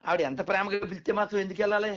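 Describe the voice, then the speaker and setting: Man, lecturing, rhetorical questions, somewhat high pitch, muffled lo-fi sound. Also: steady tone, racing, a bit bright. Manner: lecturing, rhetorical questions, addresses listener as "naanna". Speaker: spiritual speaker. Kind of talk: explaining conversation. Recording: dull lo-fi recording.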